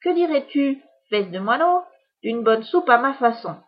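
A woman voicing a grandiose, spiteful female witch in a children's storybook reading, theatrical and loud with insults. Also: fairly high pitch, animated, a little slow, highs cut off, pitched above the performer's own voice. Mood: gloating. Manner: theatrical, shouting insults with relish.

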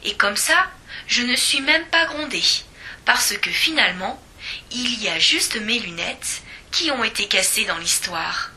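A woman reads a children's storybook aloud with lively expression. Her voice is bright and fairly high, and she takes the words slowly and deliberately. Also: slight background noise.

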